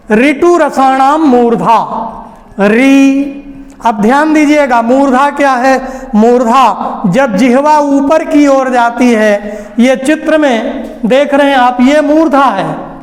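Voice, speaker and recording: A man teaches a phonetics lesson in a very high voice, carefully drawing out each letter. His unhurried, deliberate delivery rings through a room with a long, hall-like reverb. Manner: slow, deliberate, sounds out each letter aloud.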